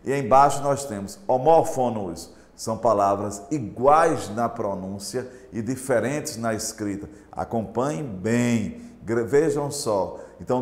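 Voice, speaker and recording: A male teacher with a Brazilian Portuguese accent gives a recorded lesson, slow and emphatic, repeating key points and speaking straight to his students. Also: mid-range voice, a little mellow. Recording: echoey room with long reverb.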